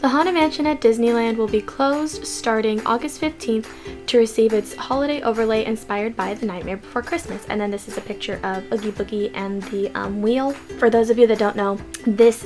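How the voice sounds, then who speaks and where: A young Californian woman hosts a casual news vlog from her messy bedroom, a desk mic visible in the corner of the frame and background music playing beneath her voice. Keeping her voice hushed to stay quiet, she reads articles aloud at a moderate pace in a steady tone, stumbling slightly over words.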